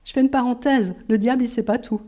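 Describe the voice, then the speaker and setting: A middle-aged woman preaching in a church, telling her testimony with lively storyteller energy. Her voice is warm and mellow, dipping into near-whispers and climbing into bright exclamations. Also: on the high side, fast talker. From Switzerland. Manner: animated storytelling, drops to whispers and rises to exclamations. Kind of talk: sermon with personal testimony.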